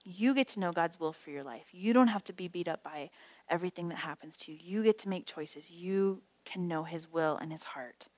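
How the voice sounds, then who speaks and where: A woman's voice: on the low side, normal speed, darkish tone, no room sound. A middle-aged woman teaching a small Bible study group in a chatty, self-deprecating way, telling stories with side remarks. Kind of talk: casual teaching talk. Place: small indoor group meeting.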